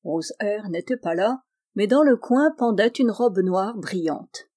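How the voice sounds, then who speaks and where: A woman narrating a literary novel in a measured, expressive reading. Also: mid-range voice. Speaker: audiobook reader.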